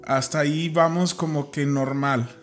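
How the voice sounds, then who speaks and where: A man's voice: on the high side, fairly even intonation, measured pace, soft background music. A man casually discussing a Bible story, retelling scripture with many fillers and restarts.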